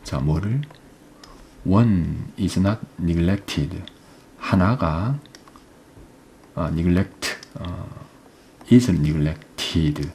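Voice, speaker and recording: A man teaching English, explaining an exam passage step by step, often asking "right?" and reading English phrases slowly. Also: low voice, a little mellow, a little hiss or hum.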